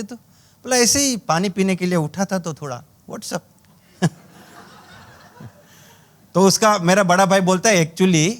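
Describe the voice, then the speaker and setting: High-voiced Hindi sales trainer man. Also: a bit bright. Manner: anecdotal, acts out dialogue, jokes and laughs. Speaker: network marketing trainer. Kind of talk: motivational training talk.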